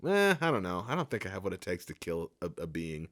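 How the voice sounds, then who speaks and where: A man trading jokes with his co-host in a casual podcast chat. His voice swings up and down in pitch as he teases and laughs. The sound is close and dry, with no room around it. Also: sing-song, a bit bright, no room sound. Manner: teasing, quick to laugh.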